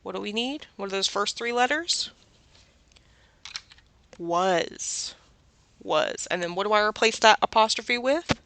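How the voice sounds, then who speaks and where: A woman's voice: mid-range voice, measured pace, pauses often, fairly bright tone, dry recording. A woman with a Southern US accent teaching a children's reading lesson, patiently asking questions and answering them herself.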